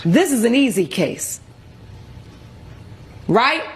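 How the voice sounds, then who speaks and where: A woman's voice: fairly high pitch, very animated, slow, soft background music. A woman presiding as a TV court judge, questioning and ruling in a blunt, scolding, commanding way.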